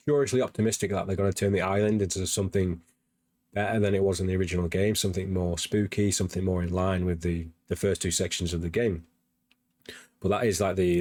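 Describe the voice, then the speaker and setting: Deep-voiced man hosting a gaming podcast. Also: darkish tone, dry recording. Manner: rambling and eager, many fillers and restarts. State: slightly losing his voice. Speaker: podcast host. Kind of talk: casual gaming news chat on a livestream.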